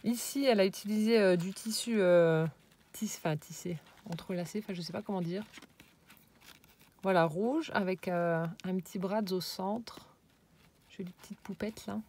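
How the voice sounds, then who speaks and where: A woman casually showing a handmade scrapbook album, hesitant and searching for words, and often dropping into soft, admiring whispered asides. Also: medium pitch, normal speed, slight background noise. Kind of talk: casual show-and-tell.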